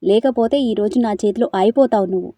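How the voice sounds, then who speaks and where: A woman's voice: medium pitch, fairly quick, mellow, no room sound, close to an everyday voice. A woman voicing a domineering young man who bosses and belittles his cousin, in an audio story. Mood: contemptuous. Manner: bossy, contemptuous.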